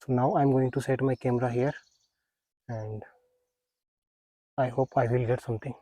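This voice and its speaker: A man narrating a casual outdoor wildlife vlog in a halting, unhurried, understated way. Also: medium pitch, steady tone, dark tone, dry recording. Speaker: wildlife photographer vlogger. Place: outdoors in nature, close dry sound.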